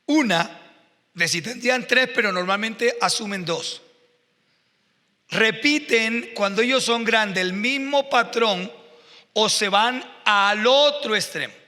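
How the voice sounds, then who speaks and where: A man's voice: sits high, slow, pushed and bright, in a large hall. A male pastor preaching a sermon, telling stories with growing emotion and fervor. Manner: emotional, storytelling with rising fervor. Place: church hall.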